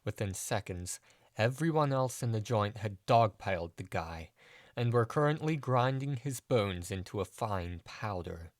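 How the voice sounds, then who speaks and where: A man narrating a dark first-person audio story in a measured, deadpan way. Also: lowish voice, dry recording, clean studio sound.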